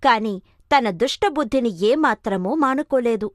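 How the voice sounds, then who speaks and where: A woman's voice: fairly high pitch, expressive, normal speed, no room sound, studio quality. A woman narrating a children's cartoon story with dramatic expression.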